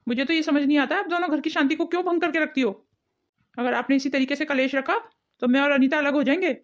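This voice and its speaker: A woman's voice: sits high, steady tone, fast talker, highs cut off, close to an everyday voice. A woman voicing an exasperated young cartoon husband. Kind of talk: cartoon family drama voice acting.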